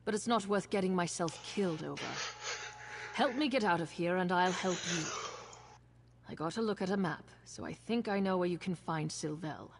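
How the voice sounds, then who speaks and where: A woman's voice: on the low side, moderate pace, lightly acted. An actress playing a wary, practical woman gambler in a video game, speaking in a dry, matter-of-fact way. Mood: guarded. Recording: long reverb, faint noise.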